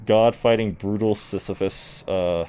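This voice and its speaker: A man's voice: fairly low pitch, steady tone, measured pace, dark tone, smooth. A man livestreaming a game in casual chat, projecting his voice through a face mask. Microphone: distant microphone, talking through a mask. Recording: noisy, mic set far away.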